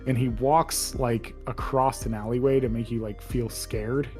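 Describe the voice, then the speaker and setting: A man's voice: medium pitch, fairly even intonation, a little slow, faint music behind. A young man in casual chat with his brother, rambling as he retells scenes from a game. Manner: rambling, retells scenes with put-on voices and laughs. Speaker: co-host.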